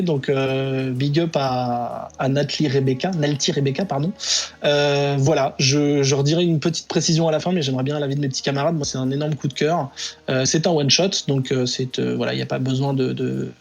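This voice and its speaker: A man's voice: fairly high pitch, fairly even intonation, brisk, a little mellow. A man reviewing comics on a podcast in casual chat, hesitant with many fillers and enthusiastic.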